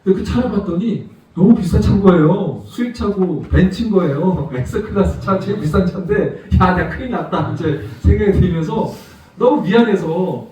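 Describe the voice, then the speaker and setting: A man preaches to a congregation, his high, soft-edged voice heard from well back in the sanctuary. The church hall rings with heavy echo. He moves through a personal story and keeps asking his listeners rhetorical questions. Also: animated, normal speed. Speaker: missionary guest preacher. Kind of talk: sermon. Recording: echoey church hall from far off.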